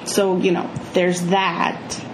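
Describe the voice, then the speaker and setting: A middle-aged woman with some vocal fry, chatting casually and emphatically about movies as a review co-host. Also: on the low side, monotone, slow pace. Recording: echoey room with clear background noise.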